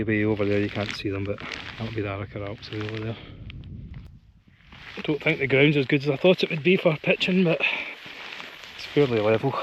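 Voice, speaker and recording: A Scottish man chatting casually to an action camera on an open hillside, thinking aloud in an unhurried running commentary. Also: medium pitch, lo-fi sound. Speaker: solo wild camper and vlogger. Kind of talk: casual outdoor vlog chat. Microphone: action camera with media mod microphone. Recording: outdoor wind and ambient noise.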